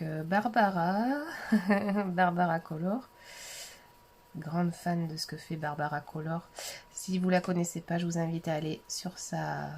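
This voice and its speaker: A woman hosting a casual coloring tutorial livestream, chatty and hesitant with many fillers and soft asides. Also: fairly low pitch.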